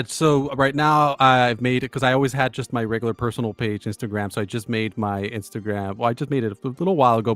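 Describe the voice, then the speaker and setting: A man's voice: medium pitch, dry recording. A man guest in a casual chat, rambling and hesitant, restarting his sentences.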